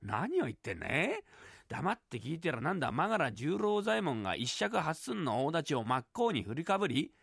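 A man doing a gruff, mocking Edo heckler. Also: on the high side, very animated, normal speed, fairly bright tone, dry recording, studio quality, voice pushed down, heavily acted. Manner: rough Edo-style tough-guy speech. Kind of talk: rakugo storytelling.

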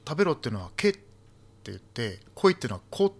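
Brief: male guest, soft and halting, voice rises and falls a lot. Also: mid-range voice, big pitch swings, vocal fry, husky. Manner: halting, many fillers, soft-spoken with bursts of laughter. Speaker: poet and essayist guest. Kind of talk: casual talk-show conversation.

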